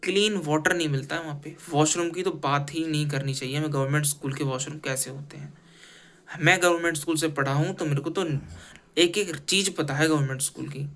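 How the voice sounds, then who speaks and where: Earnest Hindi-speaking man, higher voice. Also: fairly even intonation, brisk, a bit bright. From India. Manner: earnest and critical, with frequent restarts. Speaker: commentator. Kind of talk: spoken opinion piece.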